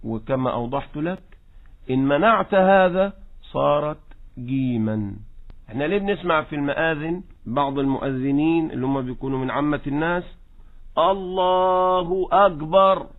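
A man with an Egyptian accent teaching Quran recitation in a radio lesson, slowly demonstrating each example. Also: fairly high pitch. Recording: tinny phone-like radio line.

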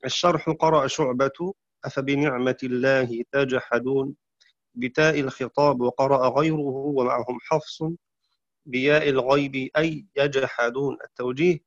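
A man teaching Quran recitation variants in a measured lecture, citing verses and clearing his throat now and then. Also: medium pitch, fairly even intonation, no echo, dull audio. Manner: measured explanatory delivery with chanted verse quotes.

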